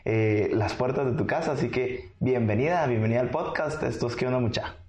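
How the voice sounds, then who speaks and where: A podcast host who greets the guest brightly, laughs often and asks questions in a casual, upbeat way. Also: mid-range voice, a little fast. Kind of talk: casual interview hosting. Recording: echoey room.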